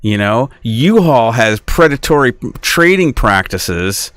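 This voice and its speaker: A man talks alone into the mic in a rambling, indignant podcast monologue. His pitch swings widely as he jumps between voices for imagined arguments. The sound is close and dry, with little room around it. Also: sing-song, measured pace, fairly bright tone, no echo. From United States. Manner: rambling, indignant, acts out imagined dialogues in raised voice. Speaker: podcast host. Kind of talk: casual monologue.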